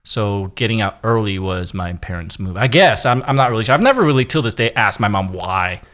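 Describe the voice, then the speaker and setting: A man in his forties from South Korea speaks with a fairly low voice. He talks candidly as a guest, with a self-deprecating streak. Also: lively intonation, fairly quick, fairly bright tone. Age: 40s. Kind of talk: casual podcast interview.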